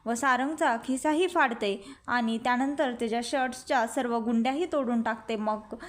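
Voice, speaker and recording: A woman's voice: fairly high pitch, moderate pace. A woman narrating a plain retelling of a TV serial episode, linking the events with simple connecting phrases. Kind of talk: storytelling recap.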